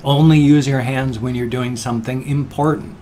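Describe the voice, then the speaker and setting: A man's voice: mid-range voice, steady tone, moderate pace, mellow, a little hiss or hum. A man in his fifties chatting in a casual vlog, rambling, earnest and self-deprecating, talking with his hands as he sits. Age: 50s. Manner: talks with his hands while seated. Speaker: vlogger.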